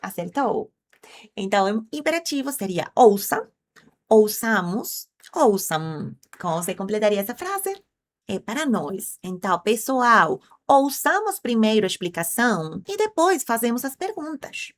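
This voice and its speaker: A woman with a high, very animated voice teaches Portuguese online at a measured pace, though her native tongue is Spanish. She patiently explains and drills conjugations, turning to the viewers with direct questions.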